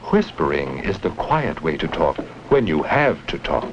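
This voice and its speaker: A man with a bass voice reads scripted narration for a 1950s educational film, teaching children through simple questions. His delivery is very animated and a little slow. The soundtrack is muffled and noisy, typical of 1950s educational films.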